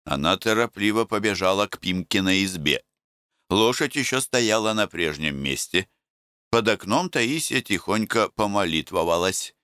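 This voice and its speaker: A man reading a classic story aloud as an audiobook narrator, in a measured storytelling manner. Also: lowish voice, lively intonation, pushed and bright, clean tone, no echo, clean studio sound. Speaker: audiobook reader. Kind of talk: scripted literary narration.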